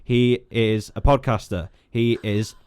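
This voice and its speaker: Taking it slowly in a lowish, fairly even voice, a young radio presenter hosts a live local show in a studio on a studio microphone, with crowd noise behind him. He's chatty and self-deprecating and laughs readily with his guest.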